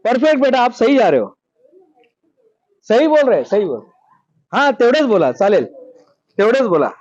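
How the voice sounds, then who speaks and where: A man's voice: very high-pitched, sing-song, moderate pace, a little mellow. A man giving a motivational speech to students in a school hall, coaxing the crowd with questions and repeated phrases. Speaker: motivational speaker. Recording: dull lo-fi sound.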